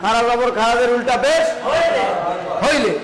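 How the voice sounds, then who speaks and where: A man's voice: extremely high pitch, moderate pace, roomy sound, a loud crowd, low-quality recording. A male teacher drilling a class on reading the Quran, asking the same questions again and again in a chanting, call-and-response way. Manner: drills with repeated questions, sing-song chanting.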